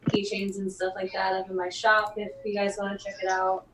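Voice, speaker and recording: A woman's voice: medium pitch, a little fast. Woman artist, uneven distant stream volume. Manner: relaxed, rambling, many ums. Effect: uneven volume that keeps dipping and jumping. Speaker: artist drawing live on a convention stream. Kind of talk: casual chat. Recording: echoey distant remote stream with background noise and keyboard clicks.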